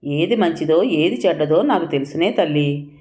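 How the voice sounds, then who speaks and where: A woman's voice: low voice, expressive, normal speed, a little mellow. A woman voicing a frail, stubborn old mother-in-law who speaks firmly and commandingly. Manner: firm, commanding, self-denying.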